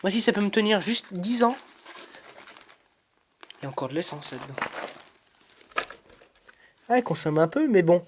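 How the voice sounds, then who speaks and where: Reviewing his own brush cutter on his channel, a man talks in a high, expressive voice at a moderate pace, pausing often over a noisy background. His informal, rambling delivery is full of hesitations and restarts, and he frankly addresses everyone as "guys."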